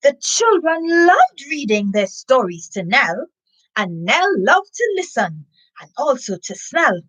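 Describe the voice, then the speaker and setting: Animated, slow-paced woman hosting children's story time. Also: high-pitched, poor audio. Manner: animated storybook delivery with sniffing and asides to listeners. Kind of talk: live chat and expressive picture-book reading.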